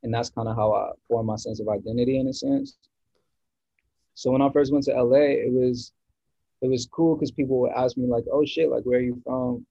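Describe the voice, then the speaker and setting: A man's voice: mid-range voice, steady tone, brisk, gravelly, mellow, no echo, highs cut off. A man from the US East Coast, a guest musician in a casual podcast chat, rambling and searching for words with many restarts.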